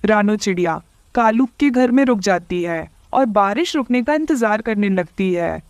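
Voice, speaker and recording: A woman narrating a cartoon story in an expressive, storytelling way. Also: medium pitch, normal speed, no room sound, clean studio sound.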